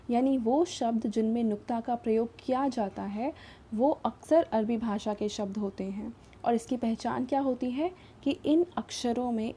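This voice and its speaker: A woman teaches children a grammar lesson, patiently repeating and rephrasing each point and slowing to sound out example words. Her voice is a little high with a dark tone, and there's slight hiss or hum.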